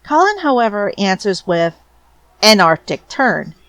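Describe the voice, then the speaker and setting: Lively woman narrating fan commentary. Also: medium pitch, measured pace, dry recording. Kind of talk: scripted narration.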